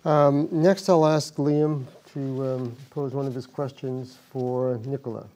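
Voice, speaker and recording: A man's voice: mid-range voice, fairly even intonation, takes it slowly, dark tone. A man chairing a panel discussion, handing over politely and briefly. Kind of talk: moderating a panel.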